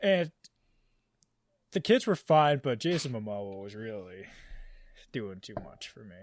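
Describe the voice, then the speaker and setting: A man co-hosting a casual film review podcast, relaxed and joking. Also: fairly low pitch, measured pace, dry recording, studio quality. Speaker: podcast co-host.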